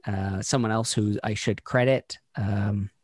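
A man co-hosting a casual podcast discussion, talking in a thoughtful, halting way with frequent restarts while he works through ideas. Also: on the low side, steady tone, darkish tone, no echo, studio quality. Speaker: podcast co-host.

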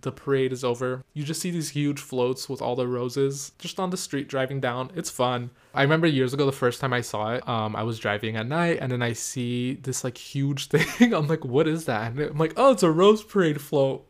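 A man hosting his own podcast alone, chatting casually and excitedly, rambling with many fillers and jumping between topics. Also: medium pitch, moderate pace, few pauses. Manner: excitable, rambling, lots of "like" and laughs. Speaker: podcast host. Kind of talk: solo casual podcast chat.

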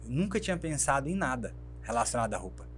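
A man's voice: mid-range voice, quick pace, soft background music. A man from Brazil, a brand founder, telling his life story in an interview and acting out the voices of people in it. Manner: animated storyteller who acts out quoted dialogue. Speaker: guest, fashion brand founder.

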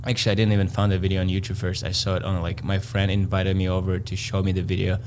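A man from Latvia with a Latvian accent, a free-runner guest on a podcast, speaking modest, halting non-native English. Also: low voice, completely flat delivery, a little hiss or hum. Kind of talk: casual interview chat.

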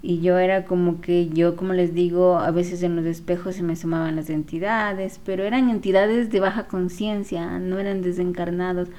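A woman who works as a spiritual therapist, telling viewers about her past in a casual, unhurried way, with many fillers and self-corrections. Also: lowish voice, fairly even intonation, warm tone. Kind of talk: casual personal storytelling to viewers.

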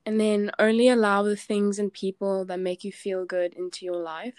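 A woman's voice: mid-range voice, flat delivery, moderate pace, a little mellow, clean tone, no echo, clean studio sound. A young woman, co-hosting a casual podcast chat, talking loosely with lots of "like". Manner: chatty, peppered with "like". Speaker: podcast co-host.

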